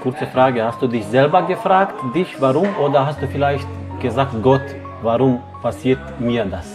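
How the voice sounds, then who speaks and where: Man asking gentle interview questions. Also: mid-range voice, normal speed, over music.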